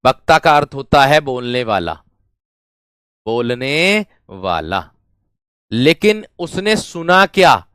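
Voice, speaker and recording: A male teacher who talks very slowly and drills every phrase, repeating words until they sink in. His voice is smooth and clear, recorded close in a dry room with no echo. He keeps calling his students friends. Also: mid-range voice, very animated. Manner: repetitive, drills each phrase over and over; addresses students warmly as friends and brave ones. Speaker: Hindi teacher. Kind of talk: classroom grammar lesson.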